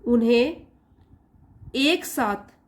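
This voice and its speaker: A woman teaching an English reading lesson, reading English slowly word by word and explaining each part briskly. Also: on the high side, expressive.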